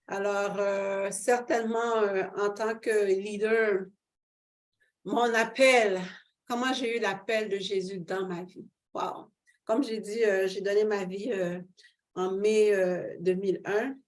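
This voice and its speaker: A middle-aged woman appears as an interview guest, slowly telling her personal faith story in a mid-range voice. The delivery is fervent and expressive, punctuated by lots of fillers and laughter.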